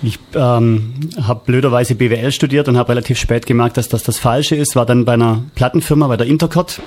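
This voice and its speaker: Male guest, mid-pitched, chatty anecdotes, lots of ums. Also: fairly even intonation, brisk, darkish tone. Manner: anecdotal, hesitant with many fillers. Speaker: audiobook producer, guest. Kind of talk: casual interview talk.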